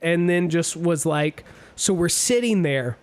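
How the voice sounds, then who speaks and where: A young man hosting a podcast, telling a story to friends in a lively, profane way and acting out what people said. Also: a little high, unhurried, clean tone. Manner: animated storyteller, swears a lot, acts out quotes. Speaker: podcast host. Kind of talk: casual storytelling among friends.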